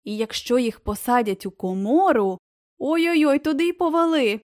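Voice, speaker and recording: A woman's voice: sits high, animated, normal speed, a little mellow, no room sound, clean studio sound. A woman reading aloud and voicing a sly, cheeky old female crow who chatters gleefully.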